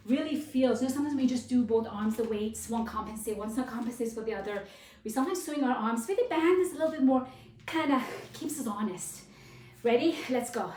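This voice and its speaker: A woman's voice: fairly high pitch, darkish tone, a little hiss or hum. A woman working as a fitness instructor, leading a live workout class with encouraging urging, short commands and counts. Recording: roomy echo, distant microphone.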